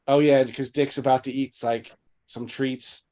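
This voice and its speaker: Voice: mid-range voice, level tone, measured pace, mellow. A podcast co-host casually recapping a TV episode, rambling with lots of restarts. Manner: rambling, with frequent restarts and fillers.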